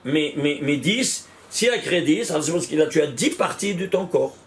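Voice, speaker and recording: A man teaching a Kabbalah study class, animated, repeating numbers out loud and exclaiming in wonder as he questions his students. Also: a little high, moderate pace. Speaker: Torah teacher.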